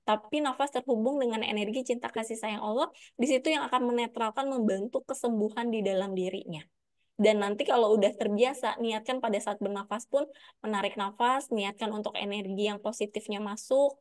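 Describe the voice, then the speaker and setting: A woman, a holistic health coach giving a gentle, reassuring guided breathing talk. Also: fairly high pitch. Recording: distant from the mic.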